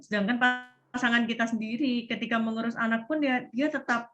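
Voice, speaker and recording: A woman's voice: a little high, steady tone, a little fast, fairly bright tone, faint music behind. Polite woman moderator on a dull call line. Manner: polite, brief acknowledgements. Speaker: webinar moderator. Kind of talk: reading audience questions. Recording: lo-fi video call audio.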